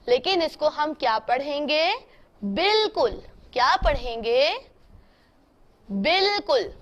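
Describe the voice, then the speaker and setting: Slow, patient woman teacher, high voice. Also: fairly bright tone. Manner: patient, spells out letters one by one and asks the class questions. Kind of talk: online handwriting lesson.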